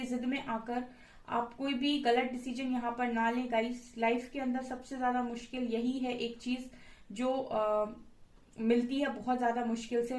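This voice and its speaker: Tarot-reading woman, echoey and distant. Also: on the high side. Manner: calm, reassuring, repeats "guys" and "okay" often. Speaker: tarot reader. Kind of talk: casual tarot reading to camera. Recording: echoey room from far off the mic.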